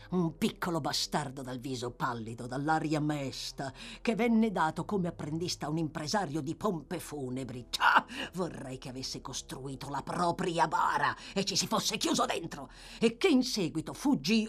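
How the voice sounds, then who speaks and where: A woman voicing a shady, menacing mysterious stranger, a man who talks in a low, hushed, curt way. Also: expressive, normal speed, hardly any pauses, slightly rough. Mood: contemptuous.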